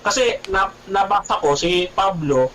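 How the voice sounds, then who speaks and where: A man giving an animated personal testimony as a radio guest, often calling the host "bro" and repeating himself. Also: sits high, unhurried, slight background noise, low-quality recording. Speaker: guest telling his conversion story.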